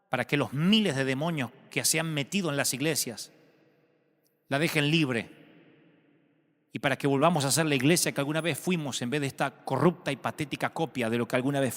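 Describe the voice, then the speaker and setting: A man preaching a sermon, telling a story dramatically and swinging between hushed and loud passages. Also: mid-range voice, in a large hall. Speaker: pastor.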